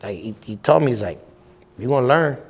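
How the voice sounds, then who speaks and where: A young guest tells his story in a casual interview, rambling and slangy, restarting often and saying "you know what I'm saying" a lot. His medium-pitched voice is expressive and fairly quick, trailing off into a long reverb tail.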